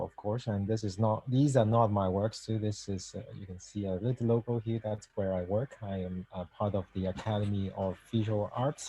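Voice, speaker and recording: A man's voice: lowish voice, dark tone, slightly rough, dry recording, low-quality recording. A man introducing himself in an online panel, speaking hesitantly with many fillers over a video call. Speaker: guest artist and lecturer. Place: home or office on a video call.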